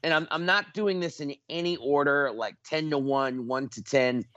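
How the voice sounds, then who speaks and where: A man hosting a radio talk show, speaking with energy and emphasis as he makes a pledge appeal and spells out details slowly. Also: fairly high pitch, a bit bright, highs cut off.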